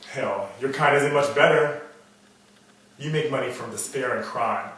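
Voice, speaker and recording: A man's voice: fairly low pitch, fairly even intonation, unhurried, lightly acted. A man playing a cynical, world-weary private investigator, muttering a bleak noir monologue in a brooding storytelling manner. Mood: bitter. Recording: echoey room, distant mic, faint noise.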